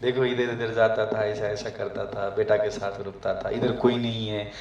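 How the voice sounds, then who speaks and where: A man's voice: on the low side, little pitch movement, moderate pace, a little mellow, lo-fi sound. A man from Nepal gives a devotional talk to migrant workers and keeps asking his listeners questions. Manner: asks the audience questions often. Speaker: preacher. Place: room abroad with a gathering. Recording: echoey room, from far off.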